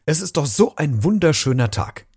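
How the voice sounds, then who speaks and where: A cheerful male marabou stork from a children's storybook wonders aloud, as a man reads him. His voice is husky and lively, recorded dry. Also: fairly high pitch, moderate pace, no echo, pitched above the performer's own voice, exaggerated voice. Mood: wondering.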